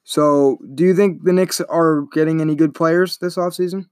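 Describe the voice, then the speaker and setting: A man's voice: fairly high pitch, steady tone, moderate pace, a little mellow, dry recording, studio quality. A young man hosting a casual solo sports podcast, talking in a rambling, chatty way and often correcting himself. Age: young adult. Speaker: podcast host.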